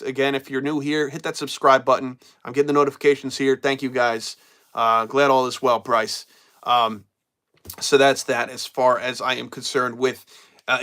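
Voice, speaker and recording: A man with a medium-pitched, slightly bright voice hosts a live wrestling stream while recovering from a cold. He chats casually and reads viewer comments, loose in manner, repeating himself and trailing off.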